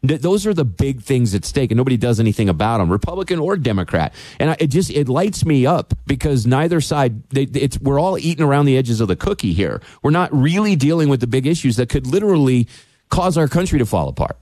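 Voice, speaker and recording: A radio talk show host interviewing a guest, opinionated and getting worked up. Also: male voice, mid-range voice, sing-song, quick pace, dark tone, no room sound.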